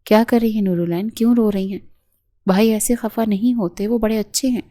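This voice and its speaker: A woman's voice: mid-range voice, dark tone, natural voice. A woman voicing a cheerful young sister-in-law who teases and consoles. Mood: consoling.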